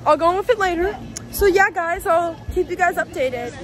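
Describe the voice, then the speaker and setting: A woman's voice: extremely high pitch, normal speed, a faint crowd. A young woman chatting casually to viewers in a rambling, exclamatory way, often repeating herself, recorded on a handheld phone. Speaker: vlogger. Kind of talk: casual vlog chat to viewers. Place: outdoors by a backyard pool and on a street. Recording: outdoor phone recording with lively group background.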